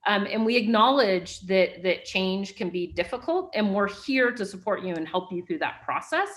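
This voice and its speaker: A woman's voice: mid-range voice, expressive, moderate pace, a bit bright. Articulate businesswoman with "right?" tags. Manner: articulate, often adds a checking "right?". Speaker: guest executive. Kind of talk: interview answers.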